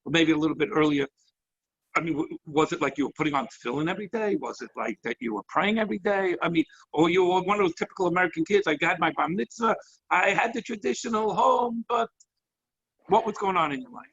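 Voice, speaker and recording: A man hosting as a rabbi over a video call, effusive and excitable, jumping between thoughts. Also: high voice, quick pace, slightly rough. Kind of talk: enthusiastic hosting. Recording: muffled lo-fi online call audio.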